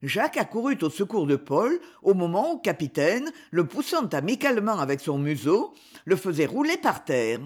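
A woman narrating a children's story with expressive reading. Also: lowish voice, moderate pace, breathy edge. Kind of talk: scripted narration.

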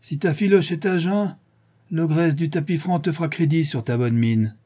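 A brutal male bandit fresh from the prison hulks, spitting slangy threats in a raised, husky voice. A man acts him out in a storybook reading. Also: on the high side, moderate pace, warm tone, pitched above the performer's own voice, lightly acted. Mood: menacing.

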